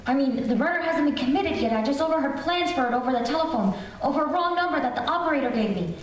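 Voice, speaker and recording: A woman's voice: high-pitched, animated, quick pace. A woman playing an anxious, demanding invalid wife on the telephone in an old-time radio drama, imperious and fussy. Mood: agitated, insistent. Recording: distant echoey hall, faint noise.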